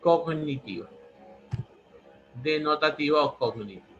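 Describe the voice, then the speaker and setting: A man's voice: a little high, measured pace, fairly bright tone, muffled recording, slight background noise. A man teaching a language lesson, repeating each answer several times. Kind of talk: pre-university language lesson.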